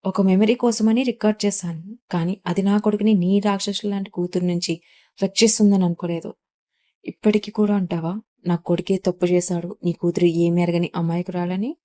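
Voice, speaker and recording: A woman's voice: on the low side, steady tone, fairly quick, dark tone, lightly acted. A woman reading the part of a stern middle-aged mother who scolds while defending her son.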